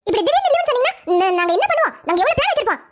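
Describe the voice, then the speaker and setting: A performer doing a shrill complaining cartoon wife. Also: big pitch swings, rapid-fire. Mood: exasperated. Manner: shrill, complaining, self-pitying. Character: fretful, complaining young wife and mother. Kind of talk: cartoon family drama voice acting.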